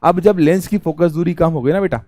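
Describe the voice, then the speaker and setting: A young male teacher giving a calm, chatty lecture, often asking a question and answering it himself. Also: fairly high pitch, brisk, dry recording. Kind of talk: classroom lecture.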